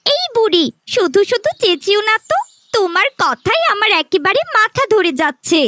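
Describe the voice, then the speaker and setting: A woman voicing a spoiled, rude young village girl in a cartoon, with a shrill, bratty manner. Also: very animated, moderate pace, noisy background. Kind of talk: cartoon voice acting.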